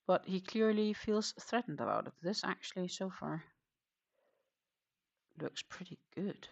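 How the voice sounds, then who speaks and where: Crocheting on a livestream, this host chats casually and rambles, dropping frequent ums and murmuring stitch counts under her breath. She sounds animated, with a fairly low pitch, vocal fry and a measured pace. The audio is dull with no echo.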